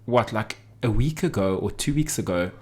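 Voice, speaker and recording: Guy cohosting a podcast, low-ish voice, gossipy, lots of um and like. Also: animated, normal speed, darkish tone. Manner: gossipy, hesitant, many fillers. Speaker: podcast co-host. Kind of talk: casual chat.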